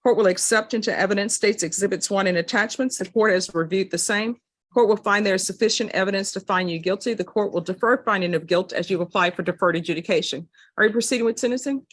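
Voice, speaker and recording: A woman presiding as judge in a courtroom recording, putting formal questions in a brisk, businesslike way. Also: medium pitch, low-quality recording. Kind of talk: formal plea hearing questioning.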